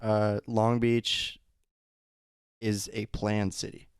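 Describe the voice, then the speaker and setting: A man's voice: lowish voice, flat delivery, very slow, clean tone. A young man from Southern California co-hosting a podcast, arguing and explaining his point insistently in casual chat. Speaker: podcast co-host.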